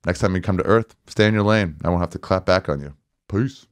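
Brisk and low-voiced, this man in his forties is a podcast guest comedian doing a casual, sarcastic, exasperated comedic read. He sits close to a headset studio mic in a small indoor studio, though the recording is very noisy.

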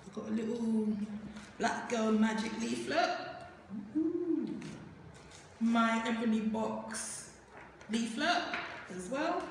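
Hoarse-voiced female vlogger, slow and unhurried delivery, echoey room with long reverb. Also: a little high, background noise. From London. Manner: excited cooing, frequent "ooh". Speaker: beauty vlogger. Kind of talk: casual unboxing vlog.

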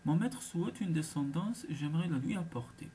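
A man's voice: fairly high pitch, brisk, mellow, slight background noise, close to an everyday voice. A man voicing a devoted old goat turned young woman, speaking earnestly in a raised voice in a told folktale.

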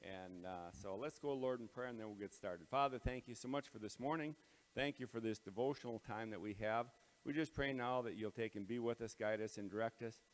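F. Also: male voice, lowish voice. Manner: plain, halting delivery with many ums and uhs. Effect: big hall echo. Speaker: pastor leading morning devotions. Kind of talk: casual devotional talk and prayer. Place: large empty auditorium under renovation, bare floors. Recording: long echo of a large, empty hall.

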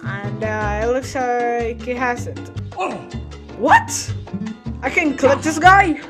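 A woman's voice: on the high side, slow pace. A woman giving casual, slangy let's play commentary with surprised reactions, over game music. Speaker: gamer.

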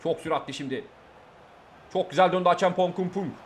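A young man with a Turkish accent giving excited let's-play commentary, shouting at the game and talking to his viewers. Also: sits high, a little fast, slight background noise. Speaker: gaming YouTuber.

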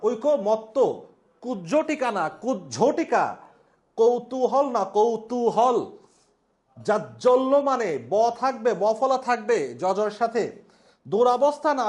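Male spelling teacher, high-pitched voice, slow drawn-out repetition. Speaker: Bengali language instructor. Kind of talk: classroom lesson at a whiteboard.

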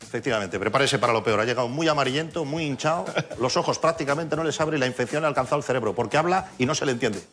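A man telling a joke casually, in an animated storytelling way. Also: mid-range voice, very fast. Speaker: joke teller. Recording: loud music under the voice.

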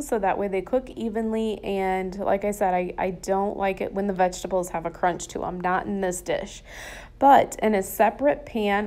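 A woman's voice: mid-range voice, a little mellow. Chatty woman narrating home cooking. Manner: chatty, enthusiastic, folksy. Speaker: cooking vlogger. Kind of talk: casual cooking voice-over. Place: home kitchen.

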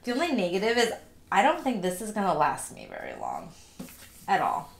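Stuffy-nosed from allergies, a young woman vlogger chats upbeat through a casual unboxing haul video at home. She talks briskly in a medium-pitched voice that swoops wildly, in an echoey room with slight background noise.

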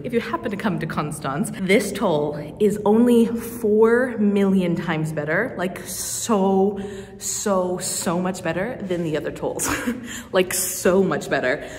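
A woman's voice: fairly low pitch, darkish tone. A young woman vlogging casually to a handheld camera, chatty and bubbly, saying "like" a lot. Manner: chatty and bubbly, heavy use of "like". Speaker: travel vlogger. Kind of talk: casual vlog chat to camera.

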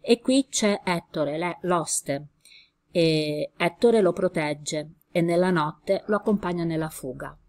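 A woman with a low voice reads a story aloud at a measured pace. She makes small slips and corrects herself as she goes. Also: a little mellow. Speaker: reader.

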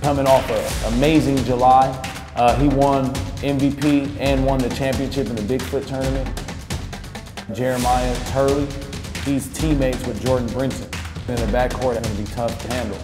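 A man's voice: mid-range voice, fairly even intonation. Male host, hyped scouting rundown; roomy sound, long reverb, music underneath. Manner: quick, hyped scouting talk. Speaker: trainer and show host. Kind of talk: voice-over player rundown.

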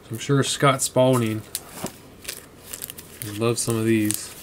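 Sorting a box of collectibles at his desk indoors, a card collector vlogger narrates in a chatty way, muttering card names as he goes. He speaks slowly in a steady, mid-range voice over a low-quality recording with slight hiss or hum.

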